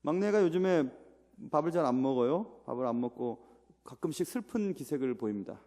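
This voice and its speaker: Middle-aged male pastor, slightly high voice, dramatic sermon delivery with soft asides; long church-hall reverb. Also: animated, a little fast. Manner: swings between loud rising appeals and low quiet asides. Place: church sanctuary.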